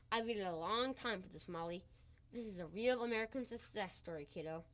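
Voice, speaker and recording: A young actress in a school radio play voicing a boastful, excitable husband who bickers and brags loudly. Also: female voice, mid-range voice, lightly acted. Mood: scheming. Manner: loud, exclamatory, quick to boast and bicker. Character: blustering boastful husband, excitable get-rich schemer. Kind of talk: old-time radio comedy acting.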